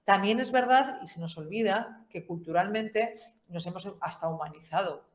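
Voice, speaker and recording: A woman's voice: mid-range voice, moderate pace. A woman with a Spain Spanish accent giving an informal Bible course talk, conversational and humorous, often tagging her sentences with questions. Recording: roomy echo.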